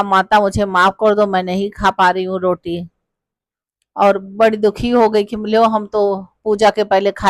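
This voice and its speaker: A woman's voice: mid-range voice, dry recording. A woman narrating a devotional folk tale in a homely, chatty way, now and then addressing the listener directly. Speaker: storyteller.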